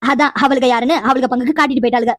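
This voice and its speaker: A woman voicing a bossy, teasing old village grandmother in a cartoon, who scolds her grandsons quickly and bluntly. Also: sits high, steady tone, a bit bright, no echo, studio quality. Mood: warning. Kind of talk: cartoon voice acting.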